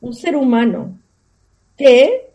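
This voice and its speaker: A woman's voice: sits high, very animated, takes it slowly, warm tone. A woman from Peru, a podcast guest speaking over a remote call, thoughtful and a bit hesitant, laughing easily. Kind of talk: conversational interview. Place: Lima, Peru.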